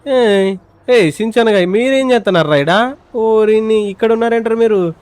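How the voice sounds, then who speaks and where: A man voicing a confused grown-up ghost, an uncle, pleading and puzzled, in a lower voice. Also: moderate pace, darkish tone, clear, resonant tone, dry recording, natural voice. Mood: bewildered. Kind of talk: fan-dubbed game story.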